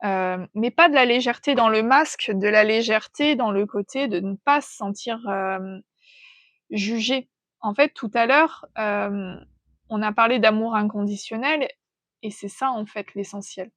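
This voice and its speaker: A woman giving an intuitive tarot reading, thinking aloud in a gentle, hesitant way as she feels out the cards. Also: mid-range voice, measured pace, no echo. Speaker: tarot reader.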